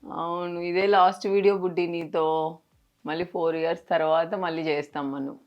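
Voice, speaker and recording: A woman's voice: lowish voice, steady tone, fairly quick, lo-fi sound. A young woman vlogger, talking tenderly and coaxingly to a small child. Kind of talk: casual vlog chat.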